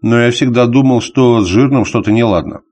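A man's voice: medium pitch, a little fast, a little mellow, natural voice. A man voicing an uneasy, watchful male traveler on a dog sled in an audiobook, anxious and insistent.

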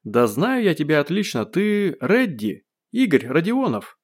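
A man voicing a brash, cheerful man who has lost his memory, talking loud, cocky and playfully defiant in an audiobook. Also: a little high, big pitch swings, a little slow, voice pushed up. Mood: bemused. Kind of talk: audiobook character voice.

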